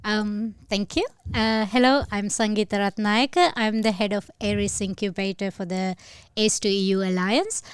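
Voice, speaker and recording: Smooth-voiced woman from Sri Lanka. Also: mid-range voice, fairly even intonation, dry recording. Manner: measured, explanatory, with fillers. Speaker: guest, incubator head. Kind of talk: podcast interview.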